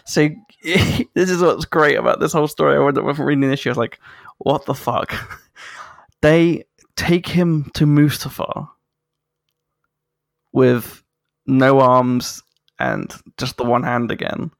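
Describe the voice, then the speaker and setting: A man chatting casually as a podcast host, animated, swearing freely and laughing through his sentences. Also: mid-range voice, takes it slowly, gravelly, no room sound, clean studio sound. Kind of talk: casual chat.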